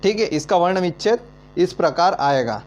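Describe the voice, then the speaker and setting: A man teaching an online lesson, talking slowly and answering his own questions as he goes. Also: sits high, lively intonation. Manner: slow, repeating, asks then answers himself. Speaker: Hindi teacher. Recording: dull lo-fi with mains hum.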